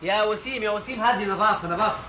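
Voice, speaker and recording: An actor playing a mischievous neighbor who teases and apologizes insincerely. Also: male voice, sits high, rapid-fire, echoey room, close to an everyday voice. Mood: teasing. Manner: teasing, falsely apologetic. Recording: noisy old TV audio.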